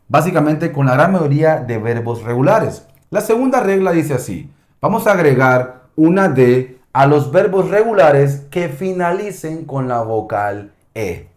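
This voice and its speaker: Male teacher, unhurried and animated, walking students through rules and checking in often. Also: mid-range voice. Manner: explains step by step, often checks with "¿ok?". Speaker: English teacher. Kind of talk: classroom lesson explaining grammar.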